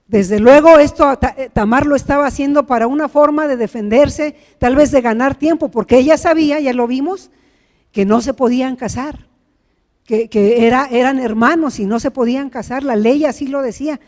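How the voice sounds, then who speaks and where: A man's voice: very high-pitched, normal speed, long reverb tail. A man preaching a sermon, retelling a story with earnest explanatory asides. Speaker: pastor. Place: church.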